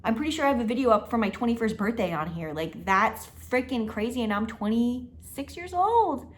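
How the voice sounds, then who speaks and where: A woman's voice: on the high side, lively intonation, fairly quick. A woman in her twenties chatting casually to camera in her apartment, talking emphatically and laughing often. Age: 20s. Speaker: vlogger. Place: her own apartment, indoors.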